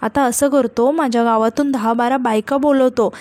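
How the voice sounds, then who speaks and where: Woman reading a hot-headed groom who taunts and threatens, high-pitched. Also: steady tone, normal speed, no room sound, lightly acted. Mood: angry taunting. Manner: shouting, taunting. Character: angry hot-headed male village groom. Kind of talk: read-out dialogue in a serial recap.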